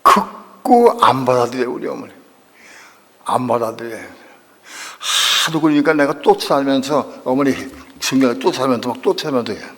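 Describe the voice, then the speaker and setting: A man's voice: medium pitch, brisk, fairly bright tone. An older male pastor preaching a sermon, telling a personal story with strong emotion and acting out the people he quotes. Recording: long reverb of a church hall.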